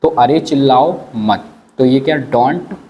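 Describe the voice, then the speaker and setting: A man teaching English in a lesson, slowly repeating each word and asking questions as he goes. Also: medium pitch, lo-fi sound. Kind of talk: spoken English lesson in Hindi. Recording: faint background noise.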